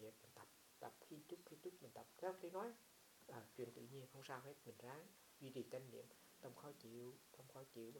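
With a fairly high, gravelly voice, a meditation-teaching monk from Huế, central Vietnam, answers a student in a casual dharma talk in his Huế Vietnamese accent. He tells lively stories and keeps asking rhetorical questions. There's a slight hiss or hum in the recording.

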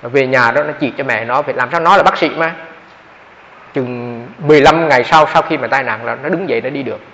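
A man, a Buddhist monk telling a story in a dharma talk, with quoted dialogue and halting repetitions. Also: medium pitch, fairly bright tone. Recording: dull, hall reverb.

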